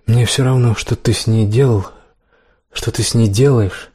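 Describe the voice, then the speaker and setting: A man's voice: mid-range voice, steady tone, moderate pace, warm tone, slightly rough, close to an everyday voice. A man voicing a hurt, defiant young woman in a love story, with pleading, tearful outbursts. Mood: cold.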